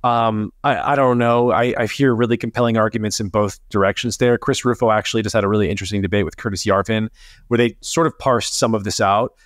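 A man co-hosting a podcast, talking in a casual, sarcastic and animated way. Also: fast, no echo, studio quality. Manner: animated, sarcastic, rising pitch on emphasis. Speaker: podcast co-host. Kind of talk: casual panel chat.

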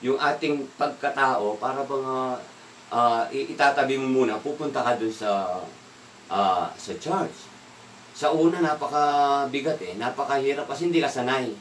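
A man's voice: medium pitch, far from the mic, a little hiss or hum. Man, devotional talk, asks questions, echoey room, away from the mic. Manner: asks the listeners questions, mixes in English words, laughs now and then. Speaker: leader of an evening devotional. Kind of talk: conversational Bible devotional talk.

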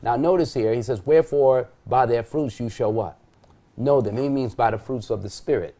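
Seated at a desk on a TV studio set, a middle-aged pastor on a panel reads scripture aloud in a dark-toned, mid-range voice at a moderate pace. He asks rhetorical questions and supplies his own answers.

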